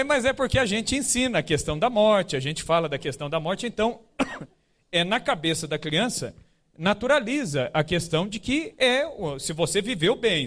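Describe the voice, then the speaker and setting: High-voiced man telling stories in a talk. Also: fairly bright tone. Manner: conversational, many tag questions. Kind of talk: storytelling talk to a live group.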